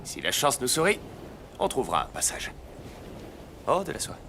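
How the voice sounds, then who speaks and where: A man's voice: mid-range voice, wildly swooping pitch, normal speed, gravelly, bright, forceful tone, slight background noise, exaggerated voice. A man playing a proud, good-humoured island king and warrior leader in a dubbed film. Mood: playful, curious. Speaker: film voice actor. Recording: film soundtrack with music behind.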